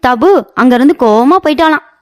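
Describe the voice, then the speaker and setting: A woman's voice: sits high, a little fast. Woman narrating a cartoon story.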